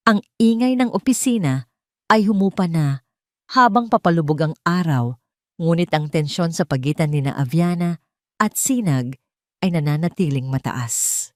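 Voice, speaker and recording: A woman with a Filipino accent reads dramatic, scripted first-person narration as a storyteller. Her voice is deep and darkish, recorded cleanly in a studio with no room sound.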